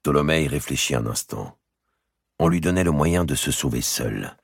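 A man narrating a historical novel as an audiobook, in calm, even storytelling. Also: a bass voice, normal speed, vocal fry, husky, no room sound. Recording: dry close recording.

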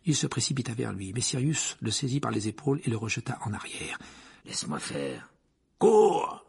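A man reading a fantasy novel aloud as audiobook narrator, telling it dramatically with hushed passages. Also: medium pitch, fast talker. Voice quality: husky, gravelly. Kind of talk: scripted narration.

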